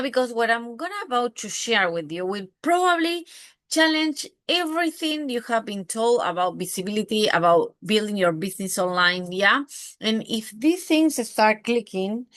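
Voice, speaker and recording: An Argentine woman, a brand and visibility mentor, gives a live masterclass to camera in Argentine-accented Spanish, effusive, casually swearing and constantly checking in with tag questions. Her voice is on the high side, sing-song and fairly bright at normal speed, with no echo.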